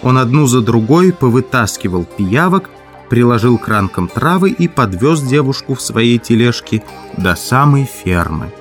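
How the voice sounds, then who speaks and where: A man reading a classic story aloud as an audiobook narrator, in measured, even storytelling. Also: medium pitch, soft background music. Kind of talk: scripted narration.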